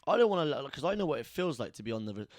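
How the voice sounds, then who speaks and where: A man's voice: mid-range voice, very animated, racing, no room sound, studio quality. A young man, co-hosting a casual podcast and rambling with lots of restarts and easy laughter. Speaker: podcast co-host. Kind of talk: casual chat.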